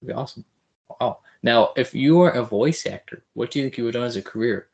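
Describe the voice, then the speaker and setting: A man's voice: medium pitch, fast, vocal fry, darkish tone, husky. A man hosting a podcast interview, joking and enthusiastic in casual chat. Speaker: podcast host.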